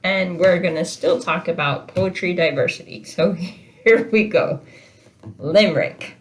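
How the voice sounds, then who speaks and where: A woman's voice: lowish voice, a little slow. A middle-aged woman recording an online English lecture from her home office, explaining in a casual, chatty way with frequent "uh" and "um". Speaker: English teacher.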